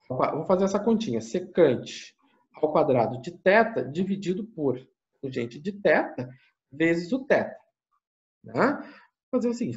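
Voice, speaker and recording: A Brazilian man talks his way through a calculation at the board, his pitch rising and falling as he poses questions and answers them himself. The recording sounds muffled and lo-fi, like a home screencast. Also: a little mellow. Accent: Brazilian Portuguese. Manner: thinks aloud, asks and answers his own questions; frequent tag questions. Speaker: university math teacher. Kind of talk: lecture walking through a calculation.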